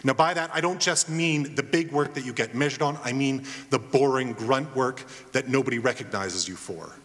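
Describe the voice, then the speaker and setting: A man's voice: medium pitch, normal speed, fairly bright tone. A middle-aged man giving a keynote podium speech in a conversational, jokey, self-deprecating manner. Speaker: keynote speaker, college alumnus. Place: large hall at a graduation ceremony. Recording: echoey hall with long reverb.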